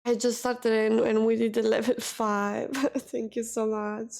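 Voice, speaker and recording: A woman's voice: on the high side, little pitch movement, unhurried, gravelly, darkish tone. A woman streaming live, chatting casually and thanking viewers, tired and emotional, close to tears.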